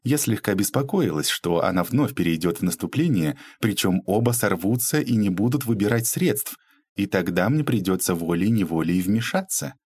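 A man narrating an audiobook with an expressive reading. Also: lowish voice, moderate pace, husky, no room sound.

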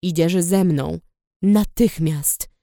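A woman doing a low, gruff young dragon rider. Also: dry recording, clean studio sound. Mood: commanding. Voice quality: low, warm voice. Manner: barking, slow and forceful.

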